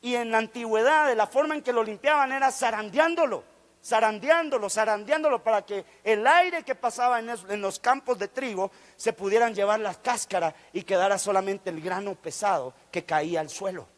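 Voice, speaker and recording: A man delivers a fervent sermon from a church pulpit. His voice sits very high, and it rings out with a long hall echo. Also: fairly quick. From Guatemala. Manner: fervent preaching, acts out quoted voices, rising to exclamations. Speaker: guest preacher. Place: church sanctuary.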